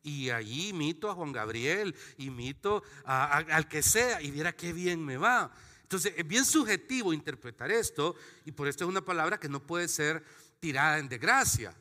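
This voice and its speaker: A man's voice: on the high side, lively intonation, normal speed, bright, forceful tone, big-room sound. A man, preaching a sermon as pastor in a conversational, joking way with little acted-out asides. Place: church sanctuary.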